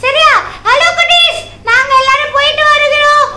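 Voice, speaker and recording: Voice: very high-pitched, steady tone, normal speed. A performer voicing a chatty, cheeky little girl in a children's Sunday school skit, who whines and talks back. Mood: cheerful. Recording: echoey room with faint noise.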